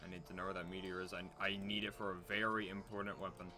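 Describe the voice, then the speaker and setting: A man's voice: low-pitched, level tone, quick pace, over music. A man playing a video game with a friend, talking curtly and swearing offhandedly. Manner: blunt and curt, swears offhandedly. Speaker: gamer co-host. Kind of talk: casual gaming banter.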